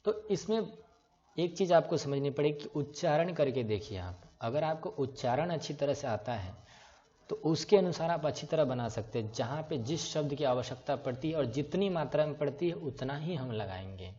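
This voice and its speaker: Speaking at normal speed in a mellow, slightly high and expressive voice, a man leads an online class on writing names in English letters. He patiently takes words apart and spells them letter by letter, and the lo-fi audio is slightly dull.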